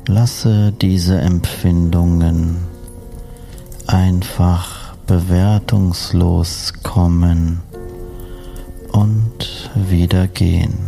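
A man speaking as a sleep story narrator and meditation guide, soothing and hypnotic, with long unhurried pauses. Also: low voice, fairly even intonation, creaky, dark tone, soft background music. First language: German.

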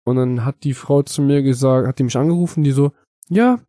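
A man's voice: medium pitch, steady tone, fast talker, warm tone, dry recording, clean studio sound. A man co-hosting a casual podcast chat, rambling through an anecdote with many fillers and acting out both sides of the dialogue. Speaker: podcast co-host.

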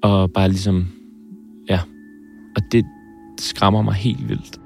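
A man in his twenties, speaking hesitantly and thoughtfully in an interview, often pausing and restarting. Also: sits low, little pitch movement, creaky, soft background music. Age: 20s. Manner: hesitant, pauses and restarts, searching for words. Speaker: film director interviewed about his heart surgery. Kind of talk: reflective interview.

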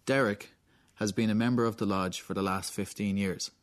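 A man reading scripted documentary narration in a measured way. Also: on the low side, fairly even intonation. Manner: measured, clear delivery. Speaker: reporter, narrator.

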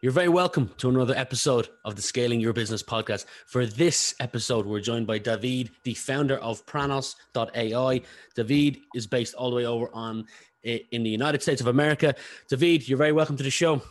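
A man hosting a business podcast, interviewing a guest in a quick, chatty way. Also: mid-range voice, dry recording. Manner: fast-talking, admits speaking fast. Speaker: podcast host. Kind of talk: casual interview.

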